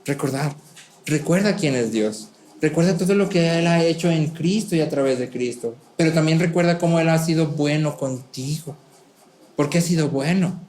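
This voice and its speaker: Man, preacher, sermon, earnest, repeats words for emphasis, highish voice. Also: normal speed, a little mellow, reverberant.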